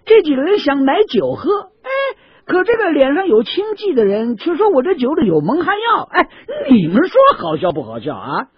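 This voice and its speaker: Guy doing a cocky haggling wine peddler, swoopy high voice, dull audio. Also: huge pitch swings, moderate pace, full character voice. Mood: mocking. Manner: sneering, haggling. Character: crafty quarrelsome male wine peddler. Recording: dull dry lo-fi recording.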